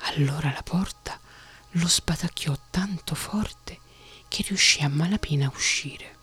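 Whispered bedtime story narrator, breathy and slow. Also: medium pitch, soft background music. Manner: soft, steady whisper.

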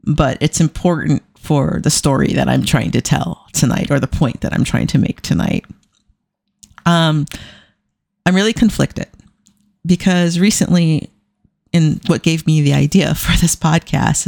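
Creaky-voiced woman podcaster, casual and irreverent. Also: deep voice, normal speed, darkish tone, no room sound, studio quality. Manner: irreverent, self-deprecating humour. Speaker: podcast host. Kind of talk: casual solo podcast talk.

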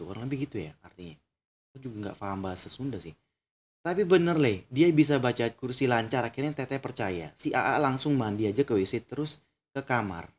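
A man's voice: medium pitch, a little mellow. A young man narrating a horror story in a casual way, breaking off for chatty asides and crude exclamations.

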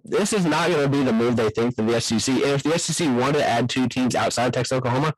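A man hosts a laid-back sports talk show, offering firm takes and the odd joke at his own expense. His voice sits at a middle pitch. The sound is dry and close, with no room around it. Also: quick pace, no room sound, poor audio. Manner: opinionated, self-deprecating asides. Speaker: podcast host. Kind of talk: casual sports chat.

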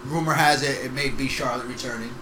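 A man's voice: medium pitch, fast talker, echoey room, low-quality recording. A man co-hosting a casual wrestling podcast, swearing freely and acting out crowd chants. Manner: profane, animated, acts out crowd chants. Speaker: podcast co-host.

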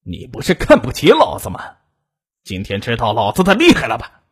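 A man's voice: mid-range voice, huge pitch swings, fairly quick, fairly bright tone, breathy edge, heavily acted. A man narrating a crime story voices a violent male attacker who snarls threats. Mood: menacing.

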